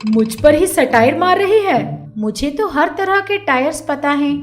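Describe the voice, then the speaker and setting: A woman's voice: sits high, expressive, measured pace. A woman doing a sassy young daughter-in-law. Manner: sassy, talks back coolly.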